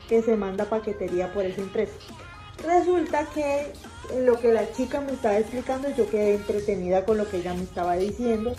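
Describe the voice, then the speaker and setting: A woman's voice: on the high side, warm tone, poor audio. A woman, a mother, telling a family story in a casual, chatty way, repeating herself with lots of fillers. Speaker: mother vlogger.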